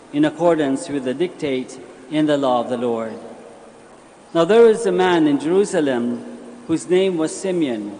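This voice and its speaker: Filipino priest with cathedral echo. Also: male voice, a little high. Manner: measured liturgical reading, then lively bilingual homily. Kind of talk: reading the Gospel and preaching at Mass. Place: large basilica. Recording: long church reverb, faint room noise.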